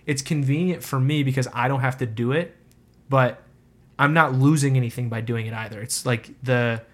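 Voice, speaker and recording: A man's voice: medium pitch, normal speed. Rambling man in casual chat. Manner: rambling, constantly saying "like". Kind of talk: casual discussion.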